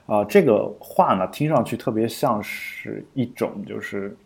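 A man's voice: lowish voice, unhurried, vocal fry, darkish tone. A man co-hosting a podcast in casual explanatory chat, thinking aloud with frequent fillers and restarts. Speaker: podcast co-host.

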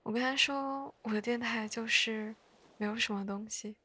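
A woman chatting in a soft, breathy whisper for bedtime listening, hushed and gently unhurried, close to the mic. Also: on the high side, fairly even intonation. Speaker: host of a bedtime podcast.

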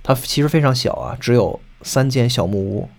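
A man's voice: medium pitch, animated, moderate pace, gravelly, a little mellow. A man hosting a solo podcast, explaining music at length and singing short snatches of songs to make his points. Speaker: podcast host.

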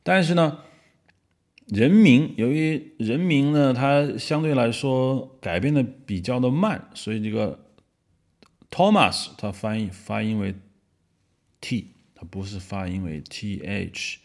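A man's voice: mid-range voice, slow, a little mellow. A male podcast host explaining word origins in a casual, rambling monologue, with many fillers and restarts.

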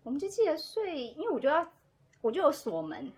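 A woman, a podcast guest telling a story in casual chat, animated and quick to act out what people said. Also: high-pitched. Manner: animated, acts out quoted dialogue, laughs often.

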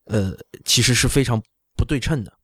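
A man's voice: mid-range voice, moderate pace, husky, dry recording. Middle-aged man explaining, fairly dry sound. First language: not Chinese. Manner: explanatory, often checking with "right?". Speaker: orthopedic doctor explaining on a talk show. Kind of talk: casual medical explanation.

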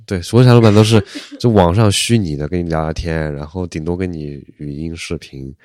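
A man's voice: low-pitched, brisk, darkish tone, no room sound, studio quality. A man co-hosting a podcast in casual chat, blunt and critical in a matter-of-fact way. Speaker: podcast co-host.

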